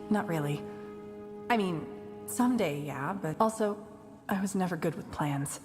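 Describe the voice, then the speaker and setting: A friendly young woman soldier in a video game, speaking in a low register. She is awkward and conversational, trailing into self-deprecating asides, with clear music playing behind her. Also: expressive, unhurried. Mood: relaxed, candid. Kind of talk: video game dialogue acting.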